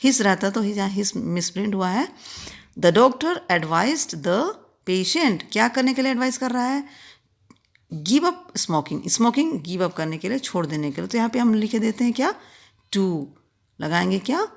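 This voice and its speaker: A woman teacher with an Indian accent, explaining English grammar, reading each example sentence slowly before explaining it. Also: mid-range voice, animated. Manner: reads English examples slowly and clearly, then explains in quick Hindi.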